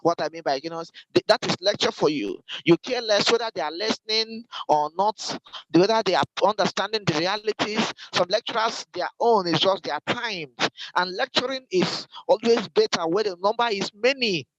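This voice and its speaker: High-voiced man giving a church training lecture. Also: normal speed, fairly bright tone, no room sound, rough recording. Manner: repeats key points for emphasis; direct instructive tone. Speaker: Sunday school teacher trainer.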